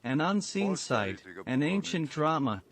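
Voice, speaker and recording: Slow, slightly high male dubbing voice. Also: big pitch swings, a crowd in the background. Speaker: voice-over narrator. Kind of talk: dubbed documentary-drama narration and dialogue.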